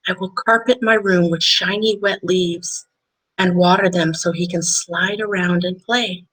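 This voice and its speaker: A woman voicing an eager young boy with big plans in a gentle picture-book read-aloud. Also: lowish voice, fairly even intonation, measured pace, poor audio. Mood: earnest.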